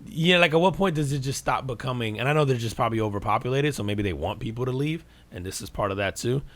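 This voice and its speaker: A man's voice: mid-range voice, fast. An American man hosting a podcast in casual, profane banter, talking like a frat bro with lots of slang. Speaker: podcast host.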